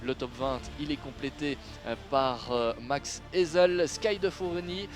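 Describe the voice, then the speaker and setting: A man's voice: a little high, soft background music. A man working as a motorsport commentator, calling a live kart race with lots of hesitant filler sounds. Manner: hesitant delivery, frequently padded with drawn-out filler sounds. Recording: noisy trackside sound with engines. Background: outdoor ambience and vehicle noise.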